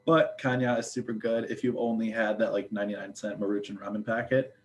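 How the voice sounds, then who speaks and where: A man's voice: fairly low pitch, little pitch movement, quick pace, slight background noise, rough recording. Chatty young man. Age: young adult. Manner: chatty, filler-heavy, joking. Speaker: student ambassador. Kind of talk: casual chat.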